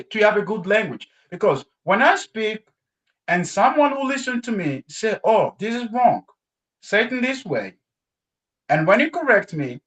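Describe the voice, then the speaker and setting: A man from Congo appears as a guest, talking casually with a class about learning languages in English, which is not his first language. He's animated and expressive, laughing often, with a high voice on a low-quality recording.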